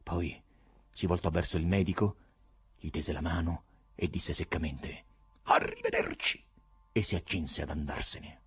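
A man narrating a novel in an expressive, theatrical reading, with a husky voice. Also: deep voice, normal speed, no echo. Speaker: audiobook narrator. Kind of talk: dramatic literary reading.

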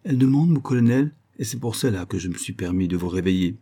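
A man's voice: lowish voice, expressive, fast talker, dark tone. A man voicing a dutiful manservant who explains himself deferentially, in an audiobook reading. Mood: apologetic. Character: dutiful male servant, fussy and apologetic.

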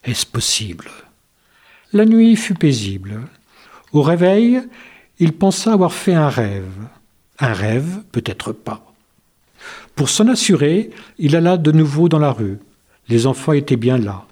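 A man narrating a children's tale in a gentle, measured reading. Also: medium pitch, animated. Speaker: storyteller. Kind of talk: storybook narration.

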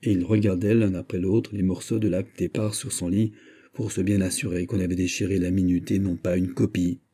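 A man narrating a classic novel in a measured, literary way. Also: low voice, flat delivery, warm tone, breathy edge. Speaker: audiobook narrator.

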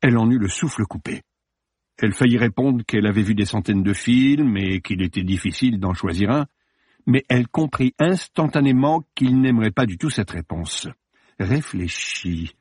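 A man narrating a novel in measured storytelling. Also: mid-range voice, a little mellow, breathy edge, dry recording, clean studio sound. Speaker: audiobook narrator.

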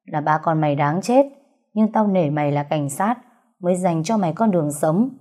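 A woman reading an audiobook, voicing a ruthless young male gangster who speaks flatly and without care. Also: low voice, normal speed. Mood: cold. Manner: flat, even, unbothered delivery.

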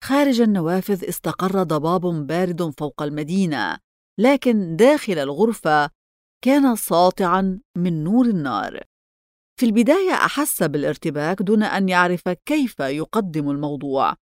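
A woman narrating a novel as an audiobook in measured, even scripted narration, recorded close on a studio mic. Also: on the low side, no room sound.

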